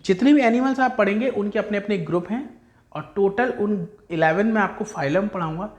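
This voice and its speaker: A male teacher giving a classroom lecture, drilling terms by slow repetition and calling students "beta". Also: high-pitched, reverberant.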